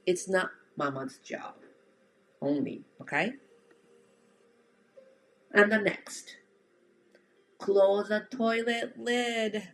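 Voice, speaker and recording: Speaking very slowly with long pauses, a medium-pitched Japanese woman with a Japanese accent coaches the listener on home organizing. Her instruction is casual and direct, plain-spoken and encouraging.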